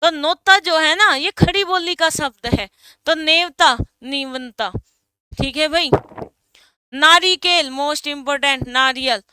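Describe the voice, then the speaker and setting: A woman's voice: sits high, slow pace, noisy background. A young adult woman teaching an exam coaching lesson, calling out word pairs one after another and stressing the most important items.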